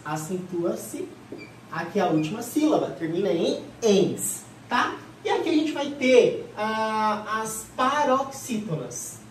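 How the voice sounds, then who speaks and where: Professora ecoando longe em sala. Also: female voice, mid-range voice, slow pace, slight background noise. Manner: asks questions and answers them herself, lively. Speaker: teacher. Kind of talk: exam prep class. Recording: echoey room, voice from far off.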